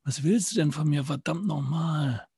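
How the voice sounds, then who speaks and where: A man voicing an irritable male marker pen roused from deep sleep, grumbling and snapping back. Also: moderate pace, vocal fry, mellow, husky, dry recording, studio quality, full character voice. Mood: grumpy.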